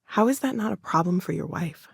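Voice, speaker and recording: A woman's voice: mid-range voice, animated, fairly quick, creaky, husky, no room sound, studio quality. A woman acting an earnest, curious and wry scientist in a video game, talking in a hesitant, thoughtful, natural way. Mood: friendly, wry.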